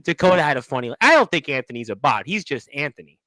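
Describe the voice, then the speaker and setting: Very animated and fast, the host of a wrestling radio show talks in a bright, forceful, high voice. He keeps things casual, reading incoming viewer comments out loud and reacting on the spot. The audio is close and dry, with no echo.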